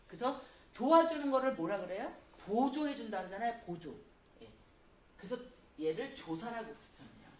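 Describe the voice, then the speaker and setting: A woman teaches a spelling lesson, her pitch rising and falling a great deal as she explains patiently. She reads her examples slowly. Her voice comes from a distance in an echoey room. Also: slight background noise. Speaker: Korean spelling instructor. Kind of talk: classroom lecture.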